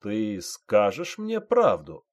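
Man voicing a harsh drill sergeant, loud slow commands, deep voice, audiobook. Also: wildly swooping pitch, exaggerated voice. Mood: coaxing. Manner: barking orders, loud and slow. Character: stern male army sergeant, harsh and commanding.

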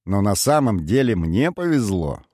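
A man's voice: fairly low pitch, very animated, normal speed, darkish tone, dry recording, clean studio sound. A man voicing a serious, confident male military commander in an audiobook, with an assured manner.

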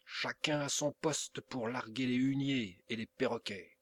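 A man reading an audiobook, voicing a hot-tempered male pirate captain who barks orders in a loud, gruff, commanding way. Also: on the low side, unhurried, no echo.

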